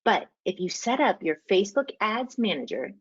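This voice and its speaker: A woman's voice: mid-range voice, very animated, normal speed, slightly rough, dull audio. A woman hosting a marketing webinar, coaching listeners emphatically and repeating key points. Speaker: webinar host.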